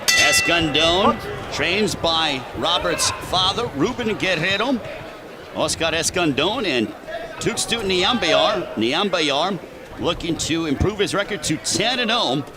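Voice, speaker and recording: High-voiced male boxing commentator, polished. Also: animated, slow. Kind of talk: broadcast fight commentary. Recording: very loud crowd and music behind.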